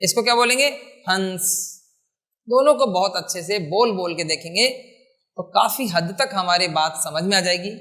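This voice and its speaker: Bright, high-voiced male Hindi teacher. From India. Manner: asks questions and answers them himself; repeats key words slowly for pronunciation. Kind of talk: classroom lecture at a board.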